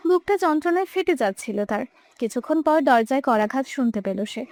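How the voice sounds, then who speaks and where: A woman's voice: high voice, expressive, brisk, darkish tone, no room sound. A young woman narrating a romantic audio story with emotive, dramatic delivery. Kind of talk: scripted narration.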